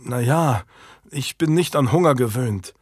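A man's voice: mid-range voice, animated, unhurried, a little mellow, slightly rough, dry recording, clean studio sound. A man voicing a hungry, ashamed fourteen-year-old noble boy who speaks formally and humbly in a storybook reading.

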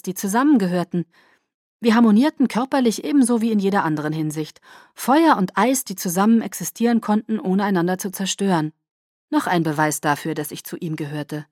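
A woman reading a first-person novel aloud as an audiobook narrator, soft and intimate. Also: medium pitch, dry recording. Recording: dry close studio sound.

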